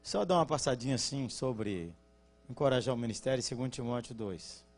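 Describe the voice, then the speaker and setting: A man with a Brazilian Portuguese accent preaching at a conference, joking with the congregation and asking them to respond, then dropping into quiet, earnest teaching. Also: medium pitch, a little fast, faint music behind. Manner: swings from loud jokes to quiet earnest teaching. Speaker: pastor. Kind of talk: conference sermon.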